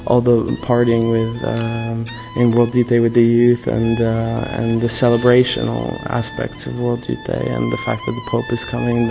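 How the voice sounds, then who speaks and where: A man in his twenties tells a personal story in a halting, restart-prone way. His voice is dark and gravelly with almost no pitch movement. The recording is muffled, with faint music underneath. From born in the USA, raised in the Caribbean and Poland. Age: 20s. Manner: hesitant, many fillers and restarts. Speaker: pilgrim interviewee. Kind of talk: casual testimony.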